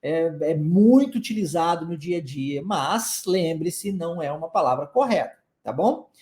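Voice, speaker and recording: A man's voice: on the high side, expressive, moderate pace, darkish tone, echoey room. A man from Brazil, an English teacher, giving a chatty online lesson and having listeners repeat phrases.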